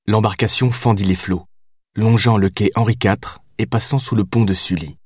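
Low-voiced male audiobook narrator. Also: fairly even intonation, moderate pace, a little mellow, no echo, studio quality.

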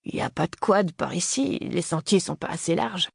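A man's voice: high voice, expressive, normal speed, creaky, slightly rough, no room sound, clean studio sound, exaggerated voice. A man reading an audiobook voices a nervous, slangy nineteen-year-old hiker who is half stoned. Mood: defensive. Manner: slangy, defensive, mumbling.

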